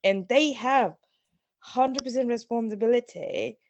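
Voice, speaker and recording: A woman's voice: fairly high pitch, a little slow, creaky, darkish tone, slight background noise. A middle-aged woman from Sri Lanka, a guest on a podcast interview, speaking in a reflective, earnest way and often restarting phrases. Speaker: guest, parenting coach.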